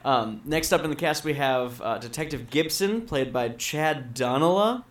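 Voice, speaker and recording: A man's voice: mid-range voice, animated, moderate pace. A man co-hosting a podcast, chatting casually about films and television. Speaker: podcast co-host. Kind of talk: casual film chat. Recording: roomy, echoing sound.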